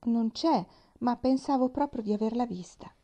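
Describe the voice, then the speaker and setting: A bubbly little girl, bursting with excitement and tumbling from one eager sentence to the next, as a woman reader puts her on. Her tone is soft and mellow rather than bright, lifted into a higher, sunnier register for the storybook. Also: lightly acted. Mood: excited. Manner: bubbly, eager, breathless rushes of words. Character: cheerful excitable young girl, chatty.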